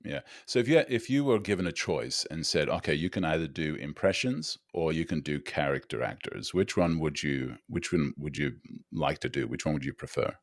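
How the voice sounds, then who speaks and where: Male interviewer: deep voice, casual conversational questions, dry close recording. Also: expressive, normal speed, no echo.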